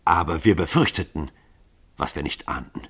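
A man's voice: extremely low pitch, animated, moderate pace, vocal fry, a bit bright, husky, full character voice. A man voicing a composed, matter-of-fact assassin.

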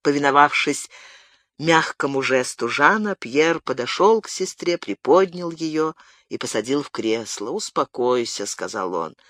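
A man narrating an audiobook in a measured, expressive reading. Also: a little high, dry recording, clean studio sound. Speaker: audiobook reader. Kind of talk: scripted narration.

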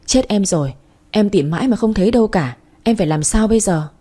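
A woman's voice: mid-range voice, expressive, quick pace, mellow, close to an everyday voice. A woman voicing a scheming young stepmother who speaks in a falsely sweet, wheedling way in a storybook reading. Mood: fake worry. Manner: fake pleading, wheedling.

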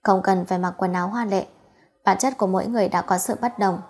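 A woman voicing a courteous young man who teases softly and hides a dangerous streak. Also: medium pitch, fairly even intonation, fast talker, close to an everyday voice. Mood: gentle teasing. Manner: gentle, teasing, soothing.

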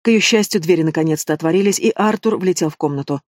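A man narrating a fantasy audiobook with a steady, expressive reading. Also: fairly high pitch, fast talker, dry recording, clean studio sound. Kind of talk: scripted narration.

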